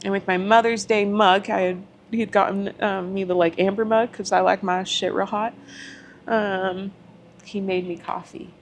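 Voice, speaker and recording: A woman's voice: medium pitch, steady tone, moderate pace, a little hiss or hum. Candid woman telling a personal story. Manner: open, emotional, acts out past conversations; frank, occasional swearing. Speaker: podcast guest.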